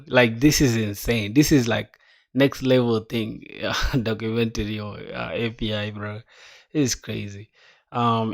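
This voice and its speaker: A creaky, mid-range male voice narrates a casual coding stream. The young streamer talks in slang, calls viewers "bro," thinks out loud, mumbles through documentation, and breaks into excited reactions.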